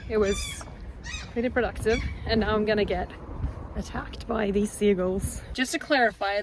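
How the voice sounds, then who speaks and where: A woman's voice: mid-range voice, a little hiss or hum. Tired young woman chatting in a vlog. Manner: chatty and candid, with frequent small laughs. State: tired and out of breath. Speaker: vlogger. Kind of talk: casual vlog chat.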